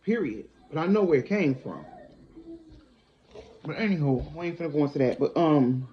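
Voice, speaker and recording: Animated, blunt woman telling stories. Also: deep voice, moderate pace, dull audio, a little hiss or hum. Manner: animated, blunt, acts out quotes. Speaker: storyteller vlogger. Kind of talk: casual personal storytelling.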